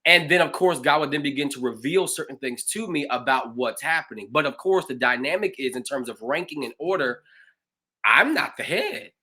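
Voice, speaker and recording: A male pastor hosts a casual livestream conversation, telling his stories in an animated, expressive way. His voice is bright and forceful and sits a little high for a man. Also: moderate pace, breathy edge. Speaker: pastor and show host.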